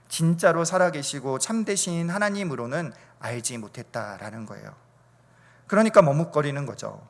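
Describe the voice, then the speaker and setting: A middle-aged male pastor preaching in a church, with a slightly high voice. He swings from loud, fervent peaks to quiet, low asides and drives his points home with repeated rhetorical questions. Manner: repetitive rhetorical questions and refrains. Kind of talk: sermon. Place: church sanctuary.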